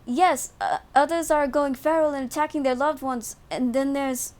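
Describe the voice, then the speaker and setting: A woman's voice: high-pitched, fairly even intonation, normal speed, darkish tone, close to an everyday voice. A woman reading aloud the lines of a wounded, desperate young male rebel from a video game, in a pleading, breathless way.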